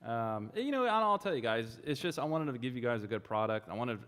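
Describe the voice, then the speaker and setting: A man's voice: mid-range voice, sing-song, fairly quick, fairly bright tone. A man presenting a city budget in a tired, conversational way. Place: city council chamber. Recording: long reverb in council chamber.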